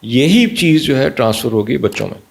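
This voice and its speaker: Doctor guy, gravelly voice, animated, throws in english bits. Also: medium pitch. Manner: animated, slips into Punjabi and English phrases. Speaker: pediatrician guest. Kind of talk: conversational explanation.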